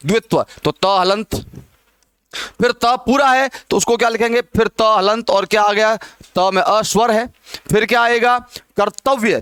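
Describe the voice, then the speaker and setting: High-voiced Hindi grammar teacher, question-and-answer. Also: male voice, a bit bright, clean tone, dry recording. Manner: asks questions and answers them himself, repeats key words. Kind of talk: classroom grammar lesson.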